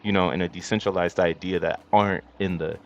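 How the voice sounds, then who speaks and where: Deep-voiced crypto bro guy livestreaming. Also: fairly even intonation, brisk. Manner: crypto bro hype talk, slangy and boastful. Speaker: livestream host. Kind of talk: casual crypto commentary to a live chat. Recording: dull lo-fi mic with faint background noise.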